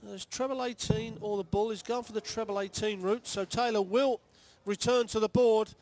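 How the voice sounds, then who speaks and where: A male co-commentator with a high-pitched voice analyses live darts. His delivery is conversational. There is clear venue noise behind him. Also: steady tone, moderate pace, darkish tone.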